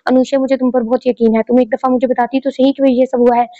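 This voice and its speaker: A woman's voice: high voice, little pitch movement, fast, dark tone, no room sound, lightly acted. A woman playing a reproachful, loving mother. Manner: reproachful yet tender. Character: worried, loving middle-aged mother. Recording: dull lo-fi recording.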